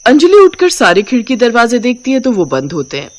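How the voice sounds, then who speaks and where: A woman's voice: on the high side, huge pitch swings, fairly quick. A woman narrating a comic family story with mocking asides.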